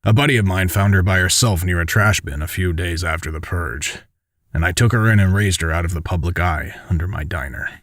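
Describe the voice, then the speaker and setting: A man voicing an older, guarded mentor in a fan audiobook, speaking in a slow, measured, solemn way. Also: deep voice, fairly bright tone, dry recording, studio quality.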